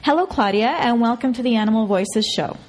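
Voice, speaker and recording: A woman hosts a community radio interview at a medium pitch. She reads a prepared introduction and then moves into friendly questions, with faint noise in the background. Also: fairly quick. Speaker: radio show host.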